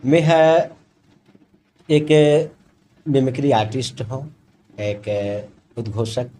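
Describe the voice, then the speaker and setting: A man's voice: medium pitch, very slow, warm tone, a little hiss or hum. A man from Chhattisgarh with a Chhattisgarhi accent, a mimicry artist and stage announcer introducing himself formally and respectfully in a salon. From Chhattisgarh, India. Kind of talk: formal greeting and self-introduction.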